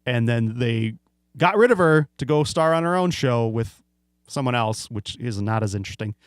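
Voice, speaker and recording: A man's voice: mid-range voice, lively intonation, normal speed, clear, resonant tone, no echo, clean studio sound. A man co-hosting a TV podcast, explaining his views in casual, reasoned talk. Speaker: podcast co-host. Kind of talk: casual chat.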